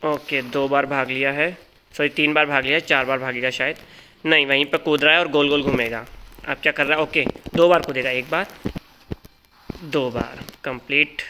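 A man giving excited live commentary as he calls out a boss's moves and talks to his character. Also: mid-range voice, moderate pace, slight background noise. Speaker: gaming channel host.

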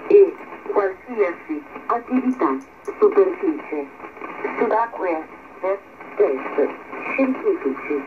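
A woman reads a scripted nautical safety broadcast over shortwave radio in a halting, word-by-word automated manner. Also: on the low side. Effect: shortwave radio transmission. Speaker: coastal radio announcer. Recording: noisy narrow-band shortwave radio reception.

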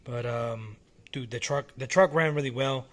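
Relaxed man rambling with many ums. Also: medium pitch, moderate pace. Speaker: RC car hobbyist. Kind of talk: casual off-the-cuff vlog. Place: small indoor room at home.

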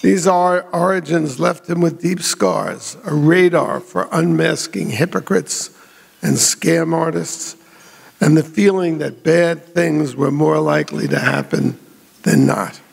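An older man giving a prepared memorial speech in a measured, reflective way. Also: a little high, vocal fry, slightly rough, big-room sound. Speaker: memorial speaker. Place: hotel ballroom.

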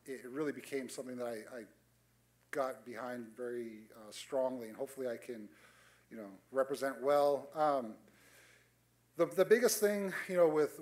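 Man moderating a panel, monotone and dry. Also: mid-range voice. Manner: self-described monotone, dry humor; reflective, many fillers. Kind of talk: conference panel remarks. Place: conference hall stage.

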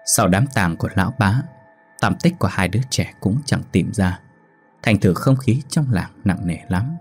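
A man who hosts a ghost story channel, narrating a folk ghost tale in a steady, dramatic manner. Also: deep voice, normal speed, slightly rough, faint music behind. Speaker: storyteller host.

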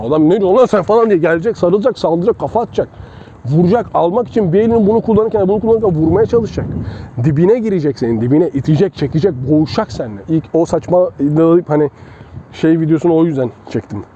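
A self-defense instructor chats casually with his students while demonstrating moves on a partner outdoors. His voice is a little high and warm, with lively intonation and fast delivery. The recording sounds dull and lo-fi, with faint traffic behind him.

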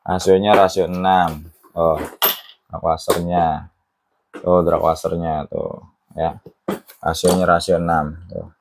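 A man's voice: deep voice, little pitch movement, slow, creaky, long pauses, background noise. A man chatting casually while selling fishing reels, repeating prices and models. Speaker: fishing tackle seller. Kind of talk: casual sales chat.

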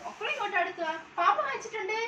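A woman with a very high, piping voice plays a mother in a home skit, coaxing and scolding little ones in sing-song baby talk. She sounds distant from the mic in an echoey room, with clear household noise behind her. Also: very fast, sharp tone.

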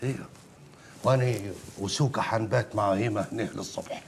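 A gravelly, soothing Egyptian uncle. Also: male voice, fairly low pitch, brisk, a little hiss or hum. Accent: Egyptian Arabic. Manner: soothing, placating. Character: soothing older uncle of the family. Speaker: family uncle.

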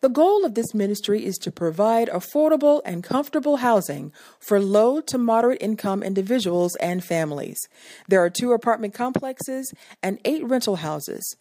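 A woman reading a scripted voice-over narration for a church video in a measured, formal way. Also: on the high side, expressive, mellow, dry recording.

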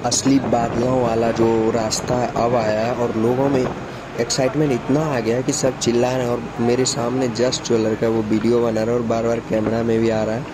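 Male travel vlogger, mid-range voice, narrating from a bus on a mountain road, clear rumble of traffic underneath. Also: flat delivery, moderate pace. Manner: chatty, enthusiastic about scenery, addresses viewers. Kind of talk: casual travel vlog narration. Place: inside a moving bus on a foggy mountain road. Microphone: handheld camera by the bus window. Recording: clear vehicle noise behind. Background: bus engine and road noise.

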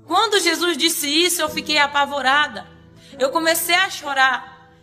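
A high-pitched woman tells her religious testimony in an earnest, dramatic, tearful way. Her voice is bright and clear, and soft music plays faintly behind her. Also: moderate pace. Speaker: missionary giving a testimony.

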